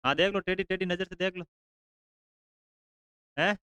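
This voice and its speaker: Guy teaching a class, kinda high voice, teasing kids to talk louder. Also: steady tone, moderate pace, smooth, no echo, low-quality recording. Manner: teasing, prodding students to answer loudly. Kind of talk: classroom lecture with banter.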